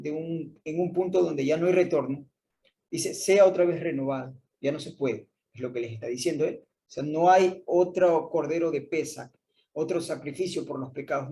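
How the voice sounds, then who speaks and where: A man's voice: a little high, dark tone. A man teaching a verse-by-verse Bible study, explaining the text and repeating its key phrases.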